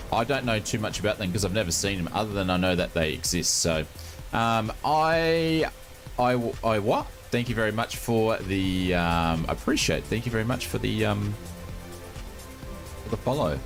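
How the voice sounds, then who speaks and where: A man's voice: on the low side, lively intonation, moderate pace, long pauses, music in the background. A man with a broad Australian accent chatting casually and matily to viewers as a livestream host, informal and given to exclamations. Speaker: live streamer, host.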